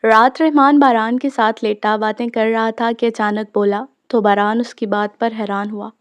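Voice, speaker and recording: A woman narrating a novel in a steady, even storytelling manner. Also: on the high side, moderate pace, highs cut off.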